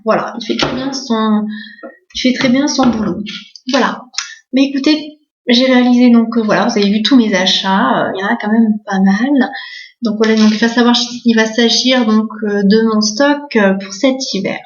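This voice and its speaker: A woman's voice: on the high side, fairly even intonation, moderate pace. A woman, chatting casually through a beauty haul, full of fillers and enthusiasm for bargains. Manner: chatty, many fillers and "voilà". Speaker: beauty vlogger. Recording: echoey room, dull lo-fi sound.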